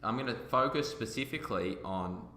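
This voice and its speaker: Here a man of medium pitch speaks at a moderate pace with a sharp tone, over a little hiss or hum. He hosts a podcast of casual opinion chat, arguing his points emphatically in a roomy, echoey room.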